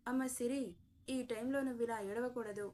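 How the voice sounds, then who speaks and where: A woman voicing a gentle consoling mother. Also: fairly high pitch, fairly even intonation, moderate pace, close to an everyday voice. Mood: soothing. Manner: soothing, consoling.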